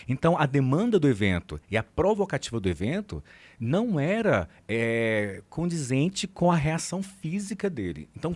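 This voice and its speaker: A Brazilian man who works as a psychologist and hypnotherapist, recounting a client case in a podcast interview. His pitch moves in wide, animated swings as he slips into both voices of a dialogue. The recording is dry and close, with no room sound. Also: no echo.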